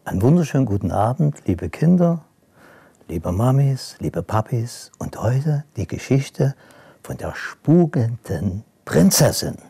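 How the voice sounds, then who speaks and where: A man reading a bedtime story aloud to children, gently and expressively, sometimes dropping to a hush. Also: medium pitch, sing-song, measured pace, gravelly, husky, no echo.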